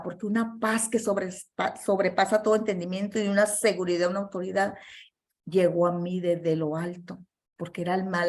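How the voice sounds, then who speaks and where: A woman preaching a sermon and telling a testimony in an earnest, emphatic way, with many fillers and restarts. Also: on the low side.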